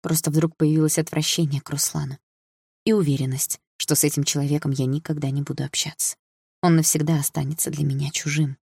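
Brief: female first-person audiobook narrator, low pitch, dry sound. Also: flat delivery, a little fast, creaky, mellow, breathy edge, no room sound.

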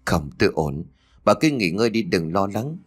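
A man voicing an anxious, guilt-ridden middle-aged father who pleads gruffly under strain. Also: low-pitched, sing-song, moderate pace. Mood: desperate.

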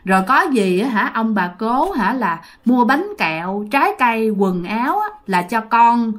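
A woman storyteller doing a soft-hearted old grandmother, gently pleading and coaxing. The voice drops low and quiet compared with the rest of the tale. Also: sing-song, measured pace. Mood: promising.

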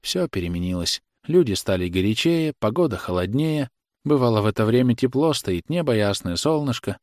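A man's voice: medium pitch, expressive, a little fast, a little mellow, no echo, clean studio sound, natural voice. A man voicing a tender, anxious working-class mother who speaks in a pleading, trembling way. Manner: pleading, tremulous.

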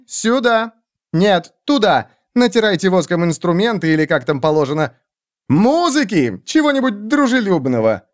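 A man's voice: on the high side, clear, resonant tone. Man as a flustered, pompous king. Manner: flustered, blustering. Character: flustered bumbling king, pompous when cornered.

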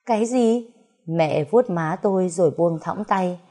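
A woman narrating an audio story in a calm, even storytelling manner. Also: fairly low pitch, a little slow, breathy edge.

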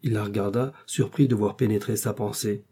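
A man narrating a classic novel as an audiobook, reading in a measured, literary way. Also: fairly low pitch, steady tone, mellow, slightly rough.

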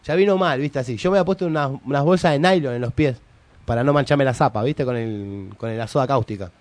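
A man's voice: mid-range voice, fast talker, darkish tone, no echo. A young man with an Argentine Rioplatense accent, co-hosting a radio show and telling a story in casual slang, acting out both sides of a quarrel. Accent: Argentine Rioplatense Spanish. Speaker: radio co-host.

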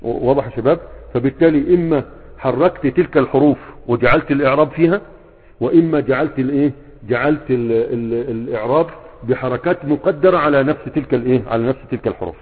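Husky, fast-talking Egyptian sheikh teaching. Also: male voice, medium pitch. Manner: fills gaps with quiz-like questions and checks the students often. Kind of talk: classroom lesson. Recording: tinny phone-like sound in a reverberant hall.

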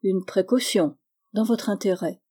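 A woman reading the part of a calm, grave older doctor who speaks softly and measuredly. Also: medium pitch, a little slow, husky.

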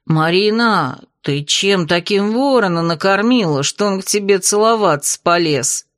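A woman voicing a big, nosy young bride who drawls her prying questions slowly. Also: mid-range voice, animated, no echo, studio quality, natural voice.

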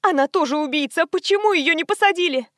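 A woman's voice: very high-pitched, quick pace, a bit bright, no echo, studio quality, pitched above the performer's own voice. A woman reading an audiobook voices a grieving, furious mother who shrieks and sobs her accusations.

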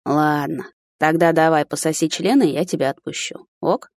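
A woman voicing a sly, mocking older man who talks slowly and teasingly, in a first-person audiobook. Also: low-pitched, darkish tone, dry recording. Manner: slow, drawling, teasing.

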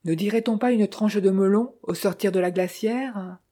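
A narrator voicing a polite, gallant young gentleman in a storybook reading. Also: medium pitch, normal speed, natural voice. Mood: courteous.

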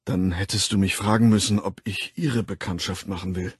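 A man reading an audiobook voices a stubborn young man who answers curtly and gruffly. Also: sits low, steady tone, moderate pace, dry recording, clean studio sound. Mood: curt refusal. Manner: curt and gruff.

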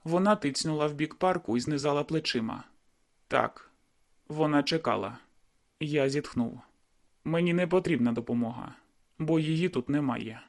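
A man's voice: on the high side, normal speed, vocal fry. A man reading a first-person novel aloud in a brooding, inward manner. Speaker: audiobook narrator. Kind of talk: first-person audiobook narration.

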